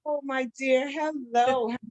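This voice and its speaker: A woman's voice: high voice, fairly even intonation, measured pace, darkish tone. A woman with a New York accent hosting an interview, friendly and chatty, laughing easily. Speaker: host. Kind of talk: casual interview chat.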